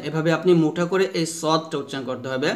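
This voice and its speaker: A man with a slightly higher-than-usual voice teaches Quran letter pronunciation. He talks patiently and repeats each point, then stretches out single sounds for listeners to copy. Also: a little mellow. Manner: slow drawn-out modelling of letter sounds with repetition drills. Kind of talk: pronunciation lesson.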